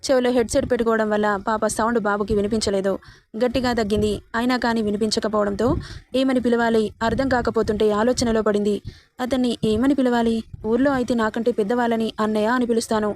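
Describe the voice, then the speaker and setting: A woman reading a romantic family story aloud in a steady storybook narration. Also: fairly high pitch, fast.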